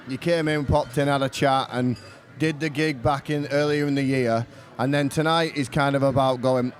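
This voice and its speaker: A man with a Bradford Yorkshire accent hosting a podcast in a relaxed, chatty way, laughing easily. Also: fairly high pitch. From Yorkshire, England. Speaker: podcast host. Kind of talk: casual chat. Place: venue bar.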